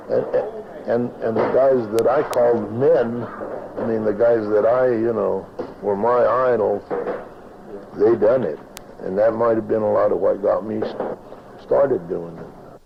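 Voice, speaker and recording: A man with an American West accent and a gravelly voice, talking casually about his life in a folksy, halting way. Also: fairly low pitch. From northern Arizona, United States. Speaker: cowboy poet. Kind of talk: casual reminiscing interview talk. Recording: dull lo-fi, steady background noise.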